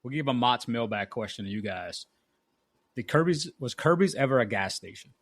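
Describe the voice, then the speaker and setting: A man's voice: mid-range voice, lively intonation, moderate pace, fairly bright tone, no echo. A man co-hosting a casual podcast who chimes in with dry wisecracks. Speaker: podcast co-host. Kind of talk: casual chat.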